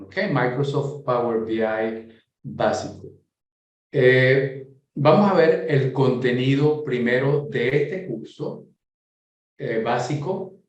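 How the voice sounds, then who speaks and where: A man from Venezuela presenting a software course in a webinar, explaining step by step and often checking in with his listeners. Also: mid-range voice, heavy reverb. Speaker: course instructor.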